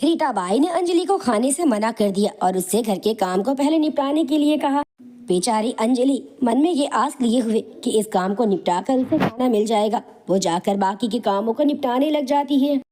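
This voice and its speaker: Mellow-voiced woman narrating a cartoon story. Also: a little high, lively intonation, normal speed. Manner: dramatic, sympathetic storytelling.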